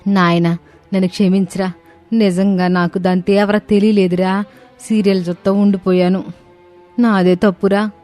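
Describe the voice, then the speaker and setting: Woman playing a scolding, sharp-tongued mother-in-law. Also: mid-range voice, little pitch movement, normal speed, long pauses, faint music behind, lightly acted. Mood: remorseful. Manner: scolding and dismissive.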